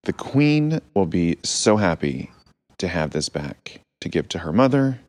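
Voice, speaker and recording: A man's voice: sits low, big pitch swings, unhurried, darkish tone, dry recording. A man narrating an improvised audio adventure as a captain, playful with rambling asides.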